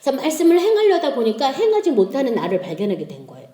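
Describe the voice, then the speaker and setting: A middle-aged woman shares her testimony in an echoey church hall. Her higher voice is warm and mellow and swings widely in pitch as she tells family stories with laughter. She acts out the conversations as she goes. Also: quick pace. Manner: lively storytelling, acting out family dialogues with laughter. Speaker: lay speaker giving a testimony.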